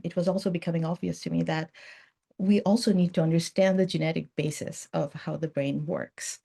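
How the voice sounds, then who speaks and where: Presenting her research as a guest at an academic seminar, a Bangladeshi woman mixes in casual asides. She has a low, gravelly, warm voice.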